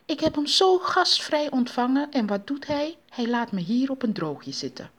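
A woman voicing a spider disguised as an American sea captain, who speaks slow, broken English. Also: high-pitched, very animated, darkish tone, voice pushed up, exaggerated voice. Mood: demanding.

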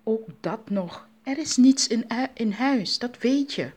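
A woman voicing Ma Akuba, the spider's sharp-tongued, fretful wife, who scolds shrilly. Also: on the high side, animated, unhurried, voice pushed up.

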